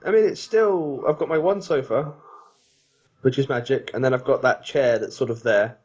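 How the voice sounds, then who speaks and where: A man co-hosting a podcast, chatting casually in a rambling, animated, self-mocking way. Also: medium pitch, normal speed, poor audio. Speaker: podcast co-host. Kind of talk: casual chat.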